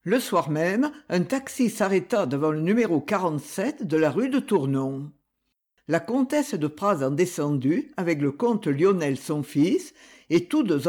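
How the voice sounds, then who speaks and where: A narrator reading a classic novel aloud as an audiobook. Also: mid-range voice. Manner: slow, expressive literary reading.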